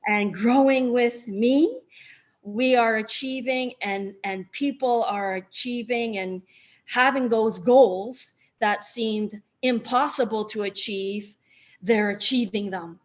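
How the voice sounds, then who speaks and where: Female guest, doctor, inspirational and earnest; slow delivery, muffled audio. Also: a little high. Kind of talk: conversational interview.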